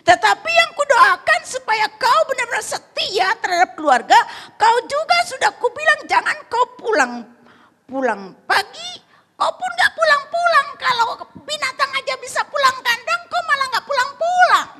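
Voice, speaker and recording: A woman voicing a sharp-tongued wife with a lilt, scolding and indignant. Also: fairly low pitch, fairly even intonation, slow, breathy edge, big-room sound, heavily acted.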